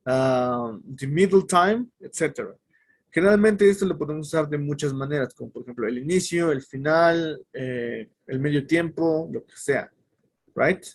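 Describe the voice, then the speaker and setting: A man's voice: on the high side, husky. Man teaching English, chatty. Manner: explains step by step, with many fillers and self-corrections. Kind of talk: casual online English lesson.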